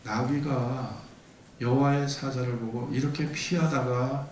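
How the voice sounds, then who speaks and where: Korean pastor preaching in an echoey sanctuary. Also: male voice, mid-range voice, unhurried. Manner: animated storytelling with rhetorical questions to the congregation. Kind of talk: sermon. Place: church sanctuary. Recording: very echoey hall, distant mic, faint noise.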